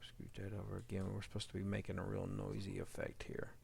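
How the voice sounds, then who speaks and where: Deep, monotone, and brisk, with vocal fry and a slightly mellow quality, this man is a fan audio drama sound editor giving a casual screen-recorded demo. He talks while working, frequently mumbling file names under his breath, over faint background noise and clicks.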